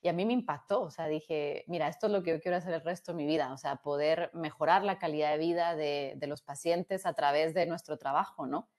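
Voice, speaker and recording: Low-voiced Guatemalan woman on a video call. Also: a little fast, hardly any pauses, darkish tone. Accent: Guatemalan Spanish. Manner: reflective, many restarts and tag questions. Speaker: engineer telling her career story. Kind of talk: casual conversational storytelling. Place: small room indoors. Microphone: earbud headset on a video call.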